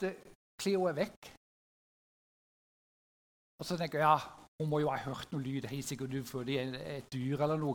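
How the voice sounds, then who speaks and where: A middle-aged man telling a story to a gathered audience in a conversational way, often turning to his listeners with little questions. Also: sits high.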